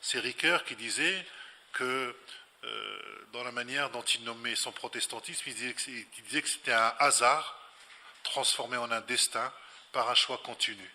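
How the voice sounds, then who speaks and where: At a public talk, an invited scholar gives a spontaneous answer, explaining in a reflective, teaching manner and repeating phrases for emphasis. His medium-pitched voice is creaky, bright and forceful at a moderate pace, echoing through a reverberant hall.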